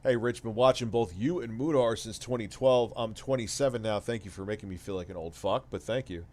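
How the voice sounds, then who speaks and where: A man's voice: on the low side, brisk. A man in his forties hosting a casual livestream chat, reading viewer messages and ranting with lots of swearing. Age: 40s. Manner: swears a lot, animated rants.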